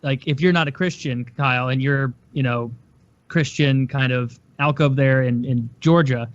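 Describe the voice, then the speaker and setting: A man co-hosting a podcast, chiming in with quick, brief interjections in casual conversation. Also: medium pitch, steady tone, no room sound. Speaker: podcast co-host. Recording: dry, slightly dull audio.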